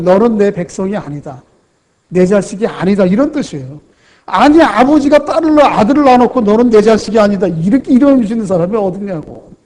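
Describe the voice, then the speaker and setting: A middle-aged man preaching a sermon in a church, talking conversationally with rhetorical questions and swinging between emphatic and hushed delivery. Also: sits high. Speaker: pastor. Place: church sanctuary.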